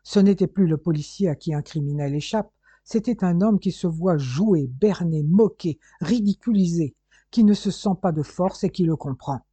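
An audiobook narrator giving a measured, expressive reading of a novel chapter. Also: medium pitch, breathy edge, dry recording. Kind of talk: scripted narration. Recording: dull, dry lo-fi recording.

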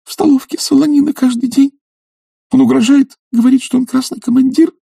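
A man playing a shrill sobbing young woman. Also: fairly even intonation, a little fast, vocal fry, dark tone, breathy edge, no echo, clean studio sound, heavily acted. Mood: complaining. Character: weeping young female typist, naive.

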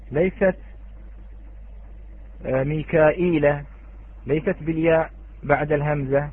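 A man's voice: on the high side, breathy edge. A man teaching an online Quran recitation lesson, patiently quizzing students and chanting the example words. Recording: tinny phone-like online audio.

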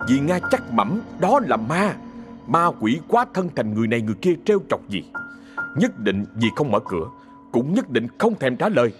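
Brief: male narrator, lively ghost story telling, faint music. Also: medium pitch, normal speed. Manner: dramatic storytelling.

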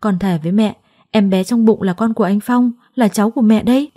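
A woman's voice: mid-range voice, normal speed, darkish tone, lightly acted. A woman voicing a distraught young pregnant wife who pleads her case. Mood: desperate.

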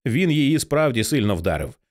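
A man voicing a frightened young woman who speaks in halting, stammering phrases. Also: mid-range voice, sing-song, lightly acted.

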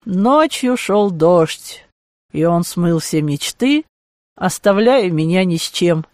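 A woman voicing a hoarse hungover German man. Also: lowish voice, expressive, takes it slowly, darkish tone, no echo, clean studio sound. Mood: sulky. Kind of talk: audiobook character voice.

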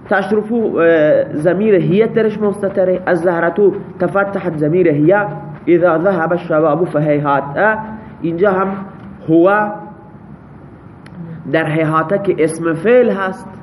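Male teacher with a fairly high voice and a faint hum of room noise behind him, walking a class through grammar examples one by one and checking in with students. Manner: parses example sentences step by step, checks with students.

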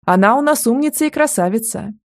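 A woman voicing a fussy, bossy old grandmother who is hard of hearing and talks loudly in exclamations. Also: fairly high pitch, expressive, fairly quick, voice pushed up. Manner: loud, shouting, exclamatory.

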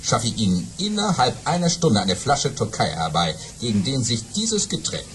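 An actor playing a boastful, excitable baron telling tall tales in a radio play, bombastic and repeating words for emphasis. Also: male voice, medium pitch, normal speed, slight background noise. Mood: confidently bragging.

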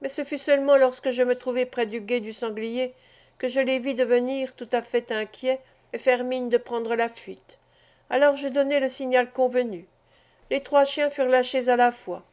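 A woman's voice: sits high, little pitch movement, moderate pace, darkish tone, natural voice. A woman reading as a bold young hunter boy. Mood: proud. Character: bold teenage boy, eldest son, keen hunter. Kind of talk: audiobook reading.

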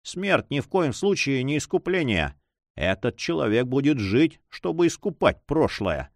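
A man voicing a cold, vengeful young count who speaks in a measured, quietly menacing way. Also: mid-range voice, very animated, no room sound, clean studio sound.

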